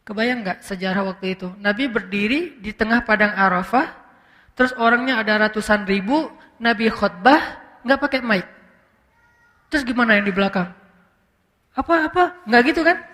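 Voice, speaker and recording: A man's voice: high voice, normal speed, pushed and bright. A man preaching in a casual, conversational way, telling a story with slang and frequent "apa" fillers. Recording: long reverb of a hall.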